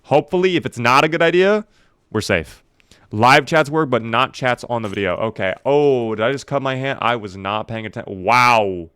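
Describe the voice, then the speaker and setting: A man with a clear, smooth voice at an ordinary male pitch streams a survival game. He talks casually to his viewers as he plays, with wry, mock-dramatic commentary. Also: animated, moderate pace, a bit bright, no echo, clean studio sound. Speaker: live streamer playing a survival video game.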